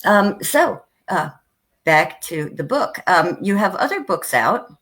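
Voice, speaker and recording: A woman's voice: fairly low pitch, big pitch swings, slow pace, a bit bright. An American woman hosting a casual interview over a video call, bubbly and rambling, laughing often as she talks. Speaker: host.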